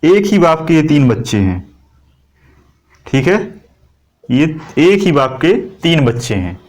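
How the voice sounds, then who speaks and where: A middle-aged man lectures to a class in a somewhat high voice. He keeps asking his students quick questions and explains with homely examples. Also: big pitch swings, a little mellow. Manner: explains with everyday analogies, asks the class rhetorical questions. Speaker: teacher.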